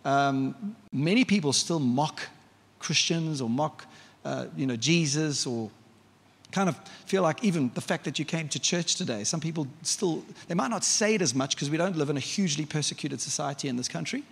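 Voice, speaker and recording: Male preacher, fairly high voice, conversational sermon, questions to the congregation, long church reverb. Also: lively intonation, normal speed, gravelly, slightly rough.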